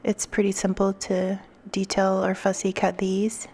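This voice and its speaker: A woman with a noticeably creaky voice narrates a craft tutorial in a casual, chatty way. Her pitch is mid-range and stays fairly even. She explains each small step as she works. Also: a little slow. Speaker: craft vlogger and design team member.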